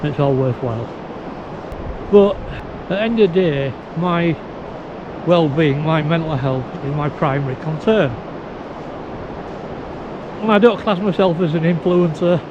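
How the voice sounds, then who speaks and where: Speaking unhurriedly with long pauses, a video blogger with a slightly high voice addresses his camera on a blustery beach. A sore mouth after having a tooth pulled, plus new teeth, gets in the way of his speech as though he had toothache. The audio is muffled, noisy and full of wind.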